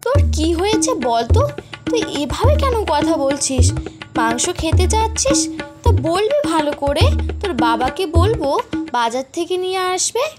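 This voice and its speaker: A woman's voice: sing-song, normal speed. A woman voicing a worried village mother in a cartoon, speaking anxiously. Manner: anxious, high. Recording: background music.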